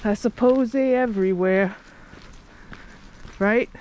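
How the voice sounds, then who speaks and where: A woman's voice: mid-range voice, slow, darkish tone, highs cut off. A middle-aged woman chatting casually and informally for a travel vlog. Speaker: vlogger. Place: outdoor forest trail, later small cabin kitchen. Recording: noisy handheld action-camera audio.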